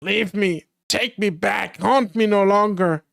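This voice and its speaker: A hoarse streamer reading aloud, giving the lines of a despairing old male miser who cries out and pleads. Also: mid-range voice, slow pace, fairly bright tone, dry recording, clean studio sound, voice pushed up. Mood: frantic. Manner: pleading, crying out.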